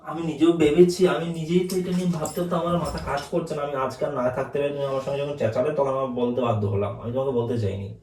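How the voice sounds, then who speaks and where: A young man telling his wife, in a staged prank, that he no longer feels for her, speaking in a halting, flat way. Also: medium pitch, slight background noise. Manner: hesitant, flat, halting delivery. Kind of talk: staged emotional argument. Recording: echoey room, mic far off.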